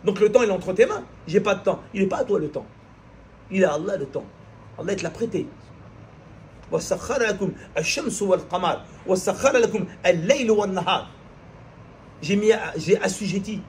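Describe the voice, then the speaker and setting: A man delivers an impassioned sermon in a high voice. He hammers his points home through repetition and rhetorical questions, acting out short scenes along the way. A faint noise sits behind the recording. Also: fast talker. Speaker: preacher.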